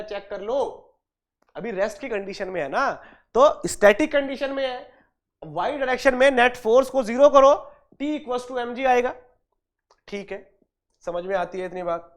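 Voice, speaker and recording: In an online lecture, a man with a high-pitched voice preps students for an engineering exam at a moderate pace. He poses questions and answers them himself, goes over points again, calls his students dear and brother, and slips in English technical terms.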